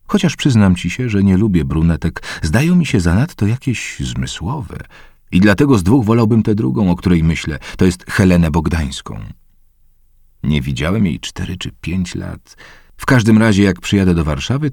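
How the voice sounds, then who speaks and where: Deep-voiced man reading aloud expressively. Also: no echo, studio quality. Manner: expressive, conversational letter reading. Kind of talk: scripted reading of an old letter.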